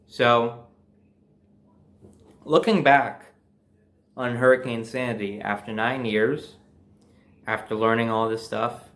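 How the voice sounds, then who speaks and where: Speaking slowly and pausing often, this young man has a medium-pitched, slightly bright voice. He's a storyteller and host from New Jersey, United States, with an American accent, sharing a personal story in a casual, conversational, emphatic manner.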